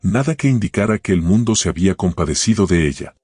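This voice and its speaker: A man narrating a scripted drama story in a steady, measured way. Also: deep voice, breathy edge, no echo, studio quality, faint music behind.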